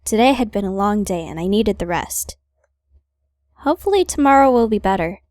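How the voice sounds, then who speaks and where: A woman reads visual novel narration aloud as a gaming host, slipping in wry, playful comments. Her pitch is average and the recording is close and dry. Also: expressive, normal speed, darkish tone, no room sound.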